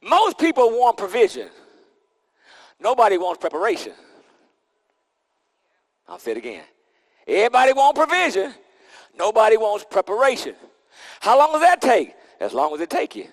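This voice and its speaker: A man's voice: high-pitched, huge pitch swings, moderate pace, pauses often, long reverb tail. A man preaching a sermon into a pulpit microphone, emphatic and repetitive, with casual vernacular and call-and-response. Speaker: pastor.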